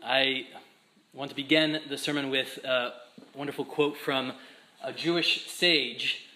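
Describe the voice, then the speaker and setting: A male priest preaching in a church, with a bright, forward tone. He delivers the sermon in an easygoing, humorous way and laughs lightly between lines. His voice sits at a middle pitch, with a little faint noise in the background. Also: unhurried. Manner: humorous, lively storytelling with laughing asides.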